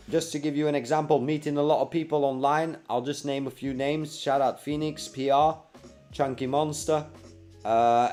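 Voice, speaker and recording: A young man hosting a casual live stream, reading and answering viewer comments by name in a relaxed, chatty way. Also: mid-range voice.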